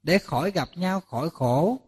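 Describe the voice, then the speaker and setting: Lively monk preaching. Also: male voice, fairly high pitch, unhurried, slightly rough. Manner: lively storytelling, acting out dialogues with listeners; rhetorical questions to the audience. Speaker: Buddhist monk giving a dharma talk. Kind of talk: sermon to a lay audience.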